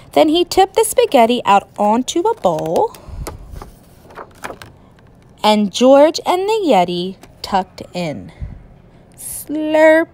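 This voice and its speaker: A woman teacher reading a picture book aloud in a slow, expressive storytelling manner. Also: fairly high pitch.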